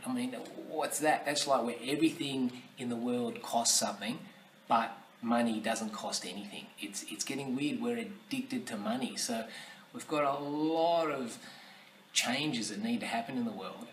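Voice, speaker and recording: A man with an Australian accent talks through his views in a loose, rambling way, full of blunt swearing and filler words. He sits a little back from the mic in an echoey room, with a faint hiss of background noise. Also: medium pitch. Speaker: vlogger. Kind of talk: casual opinion monologue. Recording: roomy sound, somewhat distant from the mic.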